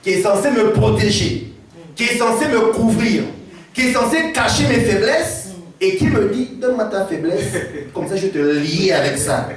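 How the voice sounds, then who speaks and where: A man preaching a lively, playful sermon and calling out to his congregation during a church service. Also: sits high, moderate pace. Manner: animated, playful storytelling, calls to the congregation. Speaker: pastor. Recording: roomy church hall, distant mic, congregation.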